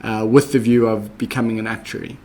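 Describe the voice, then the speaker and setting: Flat-voiced South African man, measured. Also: on the low side, slight background noise. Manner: measured, methodical, with frequent ums. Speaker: interview guest. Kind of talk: conversational interview.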